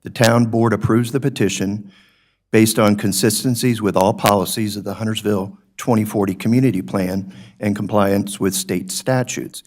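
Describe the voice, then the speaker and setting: A man speaks in a low baritone, measured and weighty. He reads out a formal motion as a commissioner in a town board meeting. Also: a little mellow.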